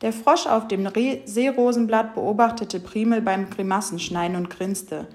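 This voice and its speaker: A woman reading a children's story aloud with lively, expressive storytelling. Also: mid-range voice, normal speed. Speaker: storybook reader.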